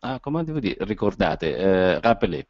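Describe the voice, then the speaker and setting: A man with an Italian accent, whose first language is Italian, gives an informal lecture as an actor and director, halting often and searching for his words. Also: deep voice, sing-song, no echo. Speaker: actor and director giving a talk on voice. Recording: dull lo-fi sound, dry.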